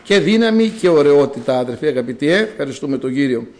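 A man preaching a sermon as a priest, with dramatic rises and drawn-out words. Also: on the high side, lively intonation, a little mellow.

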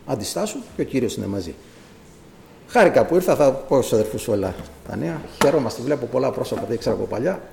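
A man's voice: mid-range voice, expressive, gravelly, background noise. A man preaching as a visiting preacher, impassioned and rising to emphatic cries. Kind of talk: sermon. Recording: echoey church hall.

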